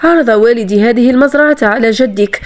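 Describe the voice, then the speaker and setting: A woman's voice: on the high side, fast talker, close to an everyday voice. A woman reading the part of a proud, bitter young woman in a novel, speaking in a haughty, defiant way.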